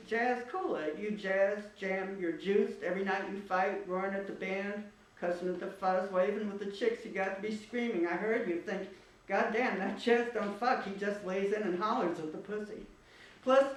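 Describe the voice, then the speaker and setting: A woman's voice: medium pitch, close to an everyday voice. A woman reading as an aging male jazz musician, boastful, brash and crude, telling his story in swaggering streetwise slang. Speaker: writer reading her own work. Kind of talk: dramatic reading of a first-person monologue. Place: art studio at a live reading. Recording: very echoey room, distant mic.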